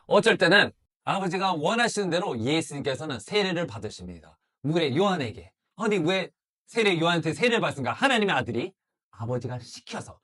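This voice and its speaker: A middle-aged male pastor preaching with a fairly high voice that swings widely up and down. He drives his points home through emphatic rhetorical questions, one after another. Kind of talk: sermon.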